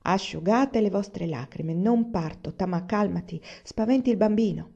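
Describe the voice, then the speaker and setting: Storybook husband, quiet and measured, husky , voiced by a woman. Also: lowish voice. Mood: soothing. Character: young husband, cautious, gentle and firm. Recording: dull lo-fi recording.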